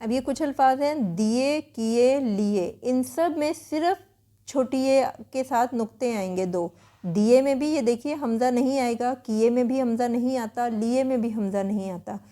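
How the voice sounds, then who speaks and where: A patient woman teaches spelling, working through the rules one word at a time. Her voice is mellow and sits a little high. She keeps to a steady, explanatory manner. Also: normal speed.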